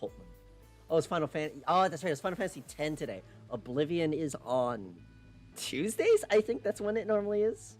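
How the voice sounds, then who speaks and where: Animated man streamer, lively voice. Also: fairly high pitch, brisk, soft background music. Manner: animated and excitable, swears casually. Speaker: streamer and host. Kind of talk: casual chat while live-streaming a game.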